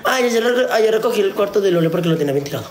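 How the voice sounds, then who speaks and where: A woman's voice: medium pitch, lively intonation, rapid-fire, darkish tone. A young woman with a Mexican accent gossiping in a rambling, slangy way as a vlogger. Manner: rambling, slangy, quoting others in put-on voices. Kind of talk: casual gossip chat. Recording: echoey room with faint noise.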